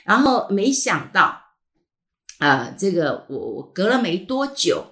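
A middle-aged woman with a Taiwanese Mandarin accent hosts her own podcast in a slightly low, easygoing voice. She rambles warmly through a personal story, peppering it with fillers and soft "ha" tags, her throat not fully recovered. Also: very animated, takes it slowly. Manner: chatty, frequent filler sounds and trailing "ha" tags. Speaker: podcast host.

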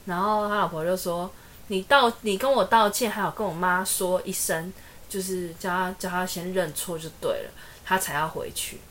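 A woman's voice: fairly low pitch, steady tone, moderate pace, fairly bright tone, a little hiss or hum. A woman, co-hosting a casual podcast chat and retelling a story with acted-out quotes. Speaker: podcast co-host.

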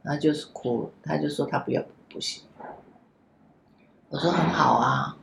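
A woman, an after-school center director, telling a story gently and vividly in a casual podcast chat. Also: sits low, moderate pace, creaky, noisy background. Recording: echoey room.

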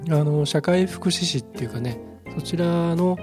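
A man co-hosting a casual podcast, talking in a relaxed, hesitant way with many fillers. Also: on the high side, moderate pace, music in the background. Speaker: podcast co-host.

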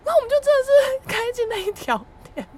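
A woman's voice: extremely high pitch, big pitch swings, fast talker, a little mellow, a little hiss or hum. A young woman with a Taiwanese Mandarin accent tells family stories in a casual podcast monologue. She acts out her relatives' voices and laughs often. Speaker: podcast host.

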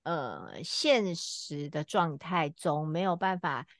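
A middle-aged woman co-hosting a casual podcast, telling a personal story with frequent filler pauses. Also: sits low, animated, dry recording, clean studio sound. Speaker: podcast co-host.

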